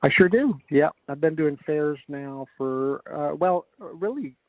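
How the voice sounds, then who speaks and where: A middle-aged American man chatting casually as an interview guest over the phone, recalling things in a rambling, halting way. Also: fairly high pitch, expressive, no echo. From United States. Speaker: guest, comedic ventriloquist. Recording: narrow, dull radio-like phone line.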